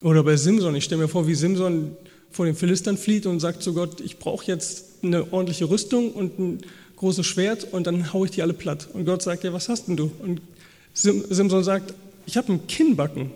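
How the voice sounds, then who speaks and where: A man's voice: sits high, moderate pace, warm tone. A man giving a sermon, vividly acting out the voices of biblical figures as he retells their stories. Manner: acts out biblical dialogue in quoted voices. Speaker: preacher. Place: church hall. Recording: long reverb of a church hall.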